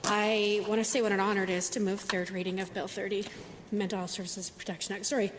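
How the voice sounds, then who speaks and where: A woman's voice: medium pitch, level tone, fast talker. A woman government minister giving an earnest floor speech in a legislative chamber, with frequent filler sounds. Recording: long hall reverb with faint noise.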